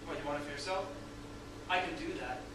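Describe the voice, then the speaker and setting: A man with a fairly high, natural voice speaks fairly quickly, playing a crass, joking accountant buddy in a staged screenplay reading of casual dialogue. His phrasing is loose and profane, and the mood is casual and awkward. He was recorded from a distance in a very echoey room with noise.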